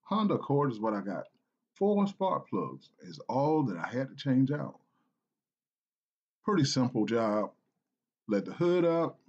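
A man from South Carolina telling a personal story in an earnest, halting way, with restarts and repeated phrases. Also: mid-range voice, sing-song, a little mellow, highs cut off. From South Carolina, United States.

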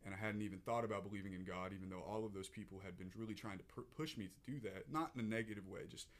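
Young oklahoma guy on a podcast, kinda low voice, earnest, trips over his words a lot. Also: very fast. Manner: earnest, emotional, many restarts. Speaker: podcast guest. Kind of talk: casual podcast storytelling.

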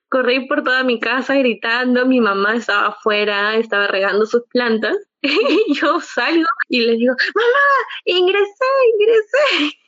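A young woman recounts a personal story in a casual chat, her voice sitting a bit high. She tells it with animation, reliving moments with bursts of excitement. The recording is dry and somewhat dull, like a lo-fi mic. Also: no echo. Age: young adult.

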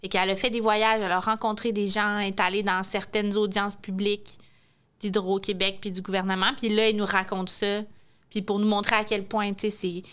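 Woman with Quebec French accent, medium pitch. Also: little pitch movement, fairly quick, fairly bright tone, smooth. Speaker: school teacher, guest in conversation. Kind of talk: casual chat.

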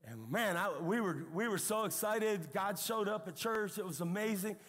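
An older man preaching a sermon as pastor, telling stories in an animated way with emphatic outbursts. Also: high-pitched, normal speed. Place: church sanctuary. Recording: long reverb of a large hall.

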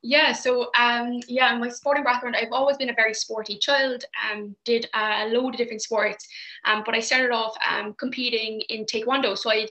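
A woman's voice: on the high side, flat delivery, moderate pace, bright, forceful tone. A young adult Irish woman giving casual interview answers as a podcast guest. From Ireland. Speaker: podcast guest, fitness coach. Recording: roomy, echoey internet call.

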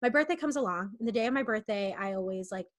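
A woman's voice: medium pitch, expressive, fast talker. A woman in her twenties chatting candidly and rambling, with lots of fillers and restarts. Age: 20s. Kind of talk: casual chat.

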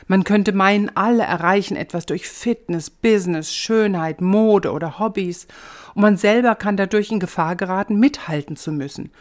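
Woman, lower-pitched voice, measured and gently instructive, scripted spiritual reflection addressed to the listener. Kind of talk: scripted devotional talk with guided reflection.

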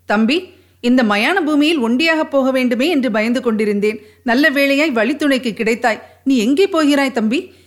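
A woman storyteller voicing a burly, mustached male warrior who wails in mock fright and laughs loudly. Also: moderate pace, lightly acted. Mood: chummy. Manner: loud wailing and booming laughter, drawn out.

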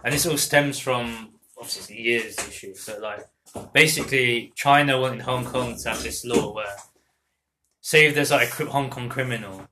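A man's voice: mid-range voice, moderate pace, noisy background. A man co-hosting a casual podcast chat, explaining loosely with many fillers and trailing off. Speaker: podcast co-host.

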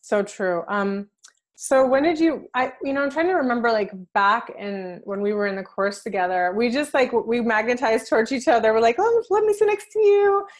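A woman with a fairly high voice hosts a relaxed interview. She affirms her guest often and laughs along freely. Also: fairly quick. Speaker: host. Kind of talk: casual spiritual interview chat.

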